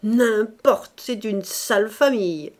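A woman reading the part of a mocking middle-aged husband in a lower, wry voice. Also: takes it slowly, close to an everyday voice.

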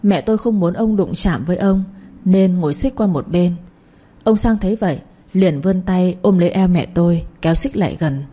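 A woman narrates a first-person story in a steady, plain manner. Her voice is low and mellow with a husky edge. The telling stays even and unhurried.

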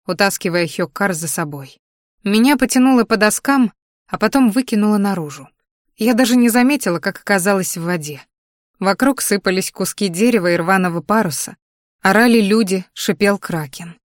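A woman reading a first-person fantasy audiobook in an expressive, dramatic way. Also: mid-range voice, dry recording, clean studio sound. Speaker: audiobook narrator.

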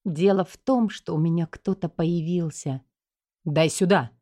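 A woman's voice: lowish voice, normal speed, mellow. A woman reading a first-person story aloud as an audiobook narrator, in a tense and dramatic way.

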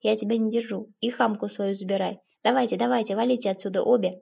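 A woman's voice: mid-range voice, steady tone, fast talker, creaky, mellow, slightly rough. A woman reading an audiobook, voicing a drunk, hysterical middle-aged father who swings between anger and remorse. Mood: angry.

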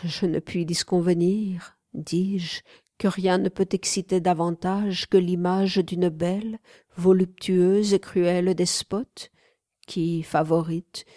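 A woman reading an audiobook, voicing an infatuated young gentleman who speaks earnestly. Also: fairly low pitch, steady tone, slow, no room sound, studio quality.

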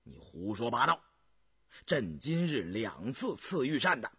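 A man's voice: medium pitch, very animated, unhurried, fairly bright tone, slightly rough, dry recording, studio quality, heavily acted. A man voicing a stern, middle-aged emperor who snaps curt, imperious demands. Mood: agitated. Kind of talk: storytelling radio reading.

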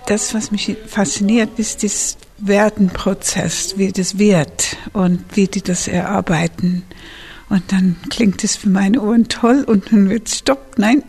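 Slow-spoken woman, marveling. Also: medium pitch, a little mellow, slightly rough. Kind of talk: interview answers.

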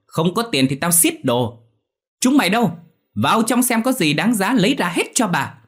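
A man's voice: fairly low pitch, sing-song, moderate pace, breathy edge. A man voicing a cruel, greedy female moneylender who screeches and curses in a storybook tale. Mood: shrieking. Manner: screeching, cursing, scornful.

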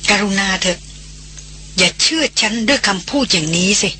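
A woman's voice: mid-range voice, lively intonation, normal speed, bright, forceful tone, a little hiss or hum. A narrator voicing a young female chemist who speaks earnestly and pleadingly in a storybook reading. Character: young female chemist, proud but remorseful.

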